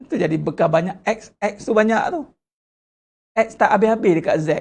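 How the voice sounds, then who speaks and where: A religious teacher preaches with a Malaysian Malay accent in a gravelly, creaky voice. The delivery is animated and full of rhetorical questions, with prayers acted out along the way. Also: mid-range voice, fairly quick. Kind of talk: religious lecture.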